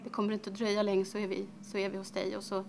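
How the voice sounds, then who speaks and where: Brief: a woman playing a grieving middle-aged mother in a dramatic monologue, creaky and halting, over a noisy hiss. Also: medium pitch, completely flat delivery, close to an everyday voice. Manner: halting, hesitant, many pauses and fillers. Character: grieving mother, middle-aged, recalling her daughter's death. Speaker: actress performing a monologue.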